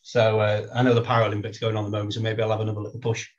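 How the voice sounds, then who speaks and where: This poet guest talks casually and wryly, pokes fun at himself, and then reads a comic poem with playful timing. His voice is fairly low, monotone, and rapid-fire, and the recording has its highs cut off.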